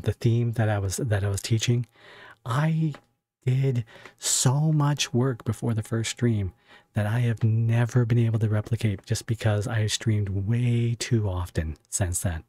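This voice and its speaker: This is a man speaking in a fairly low, darkish, somewhat rough voice. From his home he runs a casual livestream, chatting with viewers in a meandering way, cutting himself off and laughing a lot.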